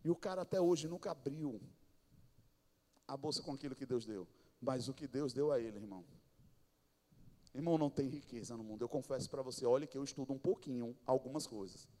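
A man's voice: mid-range voice, brisk, pauses often, dark tone. A man preaching a sermon in a church, his voice swelling and dropping. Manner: preaching with swells and drops in volume. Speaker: pastor. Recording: long hall reverb.

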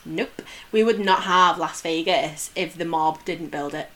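A woman's voice: on the low side, measured pace, a bit bright. A woman co-hosting a podcast, telling a story in a chatty, easygoing way. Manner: chatty storytelling, laughs easily. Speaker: podcast co-host. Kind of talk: casual chat.

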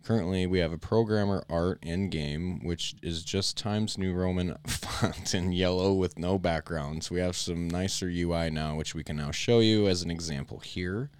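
Very deep-voiced man reading updates. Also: normal speed, hardly any pauses, clear, resonant tone. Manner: reads notes then jokes and laughs. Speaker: podcast host. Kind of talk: casual live-stream chat, reading updates aloud.

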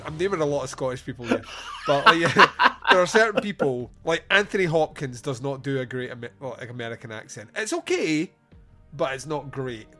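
A man's voice: on the high side, sharp tone. A man hosting a film podcast, chatting casually in a rambling, enthusiastic, sweary way. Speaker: podcast host.

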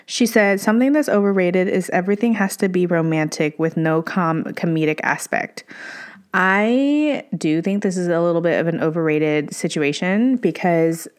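Young female podcaster, slightly low pitch, stuffy nose. Informal, rambling solo chat that often doubles back on itself. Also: normal speed, smooth. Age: young adult. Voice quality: congested, stuffy-nosed. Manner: informal, rambling, self-interrupting. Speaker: podcast host.

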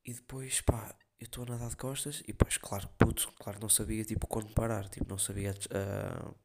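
A young podcast host with a European Portuguese accent rambles through slangy, casual storytelling packed with fillers. His fairly low, gravelly voice stays level and fairly quick, and the recording is very noisy.

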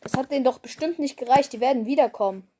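A woman's voice: sits high, quick pace, background noise, pitched above the performer's own voice, lightly acted. A woman voicing a strict female cat deputy with a firm, icy manner. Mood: wary.

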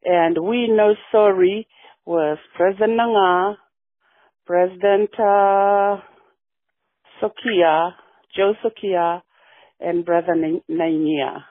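A woman's voice: fairly low pitch, fairly even intonation, slow pace, long pauses, no echo. Retired woman on a phone line. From Fiji. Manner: warm, reflective storytelling with frequent yeahs. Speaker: guest. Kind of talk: casual radio interview. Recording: dry phone-like radio line.

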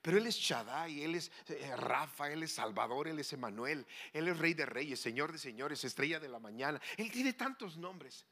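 A man delivers a fiery sermon in a high, bright, sharp voice. He swings from loud, pleading cries to hushed, low asides. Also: animated, normal speed, few pauses. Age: 40s or older. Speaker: pastor.

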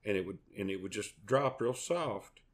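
Podcast co-host, male, middle-aged, Southern US accent, fairly deep, down-home and rambling. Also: expressive, normal speed. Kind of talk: folksy casual chat.

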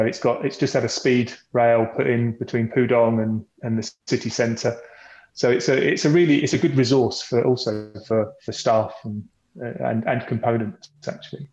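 A podcast guest representing his company describes the business in a conversational presentation manner, often repeating words. His mid-range voice carries a darkish tone, and the recording sounds dull and lo-fi, from a boxy room with echo.

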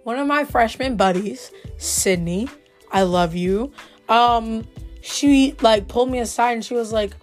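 A woman's voice: a little high, a little slow, soft background music. A young woman telling a casual, profane and gossipy story in a vlog about her color guard trip. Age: young adult. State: voice recovering from being lost. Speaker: color guard senior vlogging.

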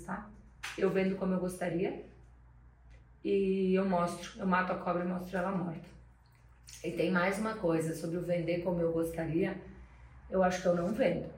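Emphatic woman sales trainer, roomy distant sound. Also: on the low side. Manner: emphatic, repeats key phrases, colloquial. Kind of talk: motivational training talk. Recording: roomy sound from away from the mic.

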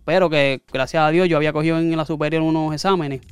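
A man's voice: fairly high pitch, fairly even intonation, fast talker, clean tone, faint music behind. A man, a guest telling his story in a rambling, casual way and often correcting himself. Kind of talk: casual interview chat.

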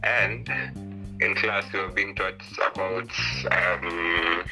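A man's voice: sits low, steady tone, takes it slowly, rough recording. A man with a Kenyan accent, a guest on a casual remote call, answering hesitantly and repeating his words. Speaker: podcast guest, sexual health educator. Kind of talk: casual phone interview. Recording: remote call with music over it. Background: music.

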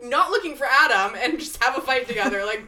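A woman's voice: high voice, expressive, quick pace, bright, forceful tone, rough recording. A woman co-hosting a casual podcast over a video call, giggly and mock-outraged. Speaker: podcast co-host. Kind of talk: casual chat on a show rewatch.

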